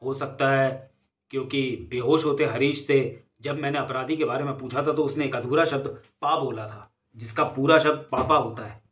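Male storyteller for comic narration: dramatic, suspense-building, mid-pitched. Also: fairly even intonation, normal speed, a bit bright, distant mic.

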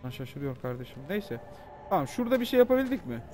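This horror-game streamer talks quickly in a slightly high voice, with a bit of hiss or hum in the background. Excitable and joking, he swears a lot and addresses his chat while giving live gameplay commentary.

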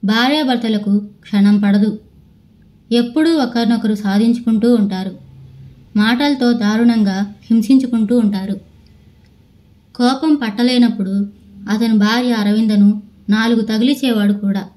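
A woman narrator reading a novel aloud in a steady storytelling manner. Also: a little high, a little slow, pauses often, rough recording. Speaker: audiobook narrator.

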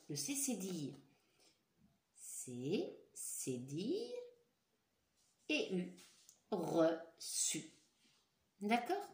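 A woman's voice: on the low side, a little mellow. A woman teacher leading a dictation for young children, patient, repeating and stretching each word. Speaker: schoolteacher. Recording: echoey room.

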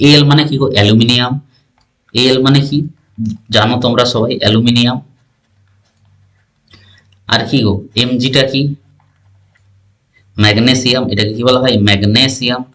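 A man's voice: medium pitch, steady tone, normal speed, pauses often, a bit bright. A male teacher giving an exam-prep science lesson, repeating terms and often asking the listener if they follow. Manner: keeps asking the listener questions to check understanding.

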